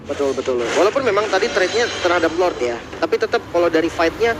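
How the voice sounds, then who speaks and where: A man's voice: high-pitched, very animated, fast talker, noisy background. A man with an Indonesian accent giving live analysis as co-caster of an esports match.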